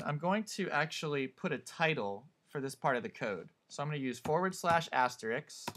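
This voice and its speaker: Calm man explaining software steps. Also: mid-range voice. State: hiccups. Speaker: teacher. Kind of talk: screen-recorded software tutorial.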